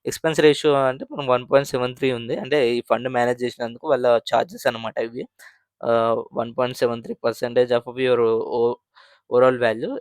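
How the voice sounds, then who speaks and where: Fast-talking man explaining fund data. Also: medium pitch, no room sound, studio quality. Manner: conversational, many fillers and restarts, mixes English terms. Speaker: finance channel host.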